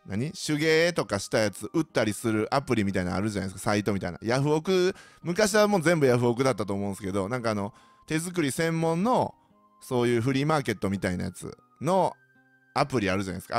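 A man with a Kansai accent, hosting a podcast and telling joking stories in a casual way. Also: medium pitch. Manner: animated, joking, mimics others' voices. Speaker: podcast host. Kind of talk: casual solo storytelling.

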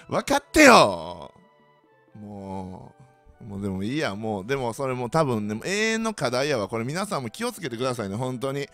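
Ranting Kansai man with a lively voice. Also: mid-range voice. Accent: Kansai Japanese. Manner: ranting, sardonic, animated storytelling. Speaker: host. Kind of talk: casual monologue to listeners.

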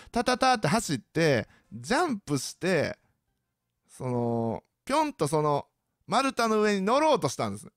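Animated man telling a story in Kansai dialect. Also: fairly high pitch, no room sound, studio quality. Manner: animated storyteller, sound effects and self-mockery. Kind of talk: comic personal anecdote.

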